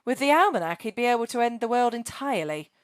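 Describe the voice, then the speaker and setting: A woman's voice: lively intonation, quick pace, no echo, natural voice. A woman doing a scared scrawny boy. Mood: earnest. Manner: high, earnest, nervous. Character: scrawny, frightened young boy, a lost heir. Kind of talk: storybook reading.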